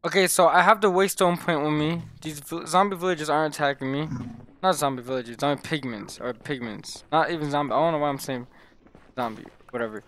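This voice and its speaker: Excitable young man narrating his game. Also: a little high, brisk. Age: young adult. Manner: excitable, talks to viewers as "guys", exclaims "oh my god" often. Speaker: gaming YouTuber. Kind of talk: casual Let's Play commentary.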